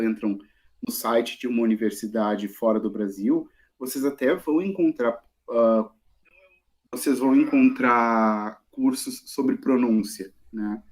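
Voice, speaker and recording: Chatty Gaúcho man on a video call. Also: mid-range voice. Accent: Gaúcho Portuguese. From southern Brazil. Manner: lively and chatty, often asks "né?". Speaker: guest speaker. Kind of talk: online talk with students.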